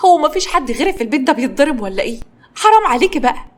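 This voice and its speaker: A woman's voice: high voice, very animated, very fast, pitched above the performer's own voice. A woman voicing a whiny, indignant young man protesting, with an Egyptian accent. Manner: whining, protesting.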